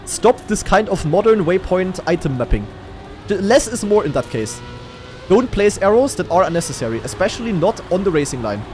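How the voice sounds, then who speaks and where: A man calling a live racing game esports match, excitable and jokey. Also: sits high, fairly quick, soft background music. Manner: excitable, jokey, rises to shouts on big moments. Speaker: esports commentator.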